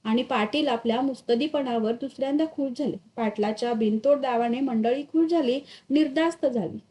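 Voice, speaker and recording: A woman reading a literary short story aloud, expressive and dramatic in her storytelling. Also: high-pitched, moderate pace. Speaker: story reader.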